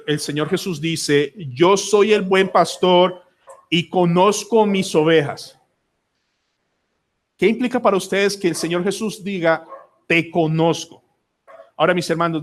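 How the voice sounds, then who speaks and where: A man with a Colombian accent preaching a sermon in a church, earnest, with dramatic pauses and repeated words. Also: a little high. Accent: Colombian Spanish. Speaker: pastor. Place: church sanctuary.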